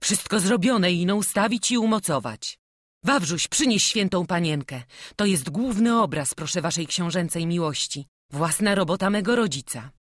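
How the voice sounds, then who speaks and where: A woman's voice: lowish voice, lively intonation, moderate pace, no room sound, clean studio sound, pitched above the performer's own voice. A woman voicing a humble, eager young carver addressing a prince with deference, in an audiobook.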